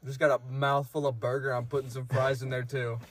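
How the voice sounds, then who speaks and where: Low-key young man, husky voice. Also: little pitch movement, a little fast, no room sound. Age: 20s. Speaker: podcast co-host. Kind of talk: casual chat.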